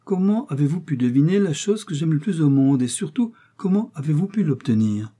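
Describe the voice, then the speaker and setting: A man voicing a fond, doting old English country gentleman in an audiobook. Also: fairly high pitch, lively intonation, a little fast, husky, voice pushed up. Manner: warm, doting.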